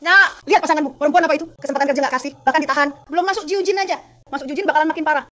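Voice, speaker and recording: A woman's voice: high voice, racing, fairly bright tone. An actress dubbing a domineering, spiteful middle-aged mother who scolds and bosses. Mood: scolding. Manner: scolding, bossy. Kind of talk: dubbed short drama.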